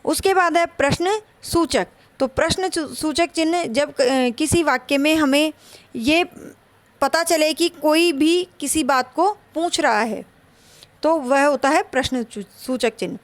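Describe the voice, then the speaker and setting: A woman teaching a Hindi grammar lesson for an exam, slow and explanatory, repeating her points. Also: high voice, dry recording.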